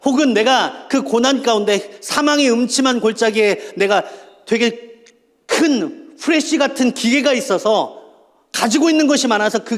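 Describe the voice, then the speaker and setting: This sermon comes from a pastor, a man with a high voice preaching in a church hall. He poses rhetorical questions and urges listeners to repeat his words, and the sound has a long reverb typical of such a hall.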